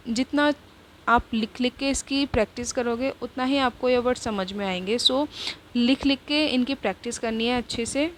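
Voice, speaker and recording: A woman's voice: fairly high pitch, a little hiss or hum. A woman teaching a shorthand lesson, talking patiently and repeating each word several times, mixing English words into Hindi.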